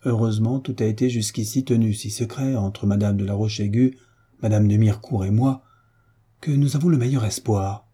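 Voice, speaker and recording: A man's voice: lowish voice, moderate pace, warm tone, slightly rough. A man voicing an anxious, scheming aristocratic mother, a duchess, who exclaims and pleads indignantly.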